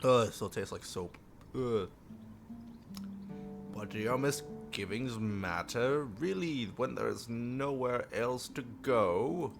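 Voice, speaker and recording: This livestreamer has a creaky, mid-range voice and speaks slowly but expressively. Music plays as he reads through a visual novel, joking along the way and now and then fumbling the words.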